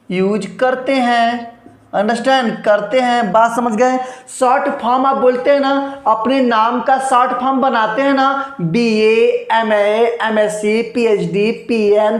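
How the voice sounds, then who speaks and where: A man teaching an exam-prep grammar lesson, asking and answering his own rhetorical questions and repeating key points. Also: very high-pitched. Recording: echoey room.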